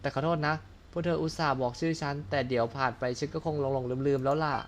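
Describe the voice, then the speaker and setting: A man's voice: mid-range voice, steady tone, quick pace, a little hiss or hum, lightly acted. A man reading as a forgetful, apologetic woman. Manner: apologetic and rambling. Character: forgetful, self-doubting woman, injured in the past. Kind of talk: reading game dialogue aloud.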